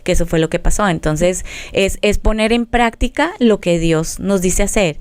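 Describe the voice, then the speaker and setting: A middle-aged woman with a smooth, resonant voice tells a personal story in an earnest way, slipping into the voices of the people in it. The sound is close and dry. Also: medium pitch, normal speed, no echo. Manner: earnest storytelling, acts out dialogue. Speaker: family counselor guest. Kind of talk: testimony in interview.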